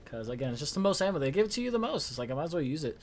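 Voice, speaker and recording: A man's voice: on the high side, racing. Rambling young man at his game. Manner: rambling, self-mocking, jumps to loud outbursts. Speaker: gaming YouTuber. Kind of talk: casual let's-play commentary. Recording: steady noise under the voice.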